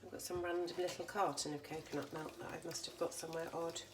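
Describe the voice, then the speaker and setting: A chatty woman talks her viewers through a recipe in her home kitchen, her voice a little low. She sounds set back from the camera, and loud sizzling and frying fill the space around her. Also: flat delivery, fast talker. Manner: chatty, self-deprecating, talks to camera while cooking. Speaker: home cook vlogger. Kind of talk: casual cooking demonstration. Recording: distant camera mic, loud kitchen noise. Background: frying, sizzling and stirring noises.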